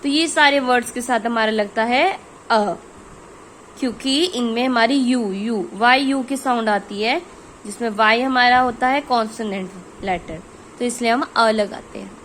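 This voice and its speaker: A young Indian woman teaching a grammar lesson to children, explaining slowly and carefully as she switches between Hindi and English. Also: fairly high pitch, fairly bright tone, a little hiss or hum, poor audio.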